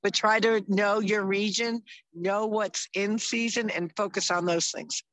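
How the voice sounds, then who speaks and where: A woman's voice: medium pitch, fairly even intonation, unhurried, a bit bright, no room sound, low-quality recording. Woman co-host, chatty and upbeat, casual chat, dry close sound. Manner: chatty, upbeat, loses her train of thought. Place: outdoors in the mountains.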